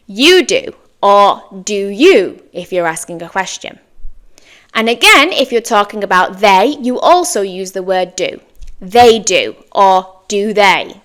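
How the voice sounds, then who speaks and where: A woman presenting a scripted English lesson for learners, enunciating carefully and stressing key words in an instructional way. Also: fairly high pitch.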